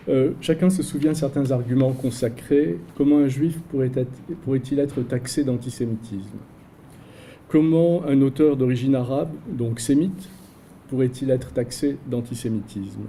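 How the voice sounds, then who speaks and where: A man giving an academic lecture in a seminar, measured and posing rhetorical questions. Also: medium pitch, warm tone, slight background noise, poor audio. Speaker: invited researcher giving a lecture. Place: seminar room.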